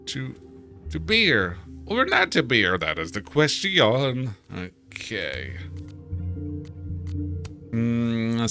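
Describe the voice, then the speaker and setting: Slow, bright-voiced male game streamer. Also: mid-range voice. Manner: playful, stumbling over words, reads in-game posts aloud. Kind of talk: casual let's-play commentary.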